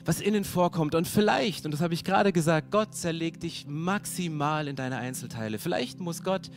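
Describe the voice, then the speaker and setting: High-voiced man preaching emphatically. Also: normal speed, faint music behind. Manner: emphatic, colloquial preaching with slang. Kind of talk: sermon.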